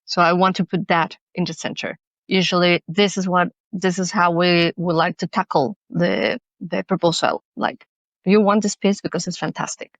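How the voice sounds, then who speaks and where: A woman from Mexico whose first language is Spanish appears as a guest on a podcast interview, speaking English as an accessibility consultant. Her voice is fairly low-pitched at a normal speed, and she comes across as earnest and thoughtful, restarting often. The recording is dry.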